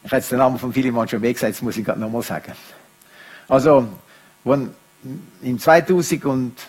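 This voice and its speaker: Husky-voiced preacher. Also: male voice, on the high side. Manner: shifts between quiet musing and raised emphatic speech. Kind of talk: sermon.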